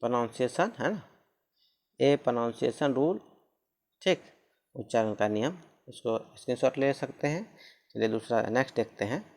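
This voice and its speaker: A man's voice: mid-range voice, animated, moderate pace, vocal fry, pauses often, darkish tone. A man teaching a lesson on pronunciation rules, repeating each rule and spelling out words letter by letter.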